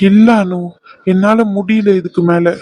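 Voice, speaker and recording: A woman's voice: medium pitch, steady tone, measured pace, dark tone, close to an everyday voice, rough recording. A woman voicing a young man, an anxious but tender fiancé who soothes and teases his bride-to-be in a dubbed scene. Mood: distressed. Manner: soothing, teasing, pleading. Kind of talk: fan dub of a serial scene.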